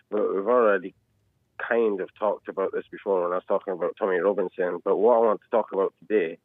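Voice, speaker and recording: A very low-voiced man from Scotland comes through a narrow, tinny phone line. He takes his time laying out his point and passing on what others have told him, and his voice sounds close and dry, with no room around it. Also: no room sound. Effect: heard over the phone. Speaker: caller. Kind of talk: call-in radio chat.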